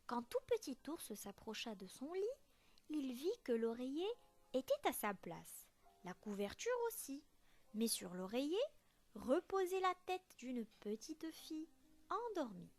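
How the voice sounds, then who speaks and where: A woman teacher reading a children's story aloud in a slow, expressive storytelling voice. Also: high-pitched.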